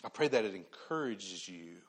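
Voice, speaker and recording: Animated preaching man. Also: lowish voice, moderate pace, breathy edge. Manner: animated, rhetorical questions, swings from loud to hushed. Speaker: pastor. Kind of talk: sermon.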